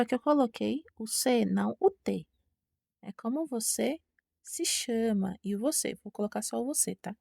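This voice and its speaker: Brazilian woman, teacher, slow patient delivery, slightly high, gravelly, dry close sound. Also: dark tone, no room sound. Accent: Brazilian Portuguese. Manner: patient, repeats words slowly, checks with "tá?". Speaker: Spanish teacher. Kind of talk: online language lesson.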